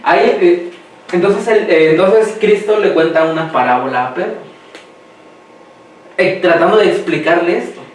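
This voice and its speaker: High-voiced male preacher in echoey hall. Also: a little hiss or hum. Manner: asks the congregation questions and lets them finish his sentences; slows down when reading scripture aloud. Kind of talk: sermon. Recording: echoey hall, mic far off.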